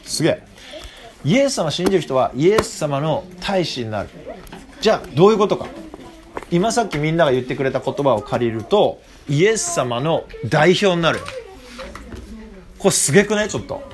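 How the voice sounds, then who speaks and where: Youth teacher, a man with an animated, swinging voice, chatty and full of questions to the group. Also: a little high, moderate pace, pauses often. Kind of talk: interactive Bible talk to young listeners.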